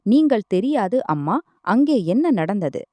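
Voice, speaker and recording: A woman's voice: medium pitch, sing-song, a little slow, warm tone, dry recording. A woman voicing a frightened, tearful teenage schoolgirl in a storybook reading. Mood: distraught. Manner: crying, pleading.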